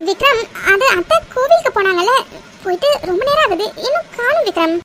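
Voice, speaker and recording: A woman's voice: very high-pitched, big pitch swings, a little fast, heavy background noise. A woman voicing a caring, questioning young wife in a cartoon drama. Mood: soothing. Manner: soothing, inquisitive.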